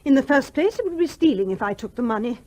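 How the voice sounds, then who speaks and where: In a radio play, an actress portrays a genteel, scrupulous mother who is polite yet flustered and argumentative, protesting. Her voice is high-pitched and very animated, quick, with a darkish tone.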